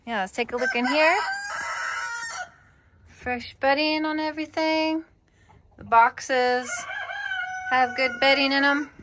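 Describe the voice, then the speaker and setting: A woman's voice: high voice, steady tone, takes it slowly, pauses often, fairly bright tone, a little hiss or hum. A woman in her thirties with an American accent, chatting cheerfully in a casual vlog outdoors by a chicken coop. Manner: cheerful, playful with the animals. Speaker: homesteader, co-host.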